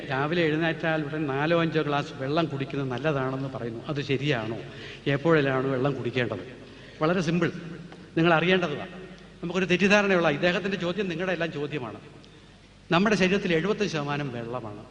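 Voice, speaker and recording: A man with a slightly high voice lectures at a rapid clip, firing off rhetorical questions as he explains his points. His voice rings around a large hall with a long reverb tail. The recording is dull and lo-fi, with a faint hiss underneath. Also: a bit bright. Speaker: naturopathy speaker answering audience questions. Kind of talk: public talk.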